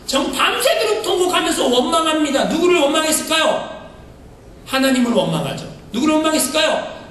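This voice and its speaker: A man delivers a sermon in a strikingly high voice that leaps all over its range. He keeps asking his congregation questions and bursts into loud emphatic lines. The sound is a distant, heavily reverberant church recording. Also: a little hiss or hum. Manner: animated preaching with rhetorical questions to the congregation. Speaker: pastor. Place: church sanctuary. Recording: echoey hall, mic from afar.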